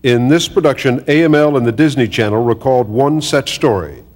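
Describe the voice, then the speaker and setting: A man's voice: medium pitch, brisk, a little mellow. Man announcing an award in a hall. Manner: formal, announcing tone. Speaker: ceremony host presenting awards. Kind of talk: formal presentation. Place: large ceremony hall. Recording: reverberant hall.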